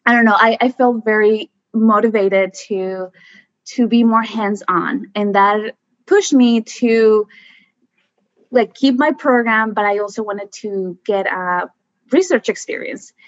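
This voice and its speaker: A woman, a guest telling her story in lively, chatty talk full of fillers. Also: medium pitch, takes it slowly, no room sound, highs cut off. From Mexico. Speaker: guest, environmental scientist. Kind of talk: casual conversation.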